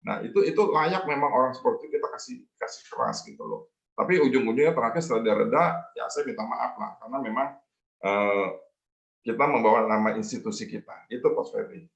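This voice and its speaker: A man's voice: medium pitch, very animated, fast talker, creaky, reverberant. A man, a debt collection manager, tells a work story in a webinar with many fillers and repetitions. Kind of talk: guest speaker telling a work story in a webinar. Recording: muffled video call audio.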